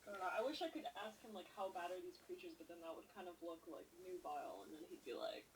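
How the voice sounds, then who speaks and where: A woman playing a tabletop game over an online call, blunt, unsure of herself and quick to swear. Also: on the low side, very animated, recorded from a distance, background noise. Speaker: player.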